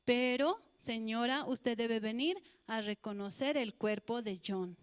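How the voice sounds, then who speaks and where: A woman's voice: fairly high pitch, unhurried, smooth, long reverb tail, natural voice. A woman voicing a solemn police officer. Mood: formal. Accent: Bolivian Spanish.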